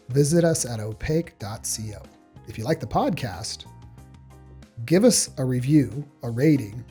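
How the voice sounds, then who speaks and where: A man hosts a technology podcast in a loose, conversational way. His voice sits at a middle pitch, and faint music plays underneath. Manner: relaxed, joking, laughs often. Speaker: podcast host. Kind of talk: casual podcast chat.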